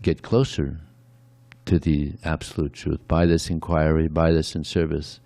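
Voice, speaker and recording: Man, devotional sermon, dark mellow tone, conversational, frequent asides. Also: rumbling low, flat delivery, measured pace, dry recording. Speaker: speaker at a temple.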